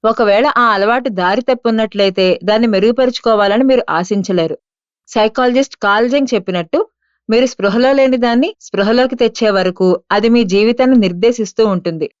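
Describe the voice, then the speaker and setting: Woman, audiobook narration, steady measured reading, close dry mic, slightly lo-fi sound. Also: on the high side, clear, resonant tone, no echo.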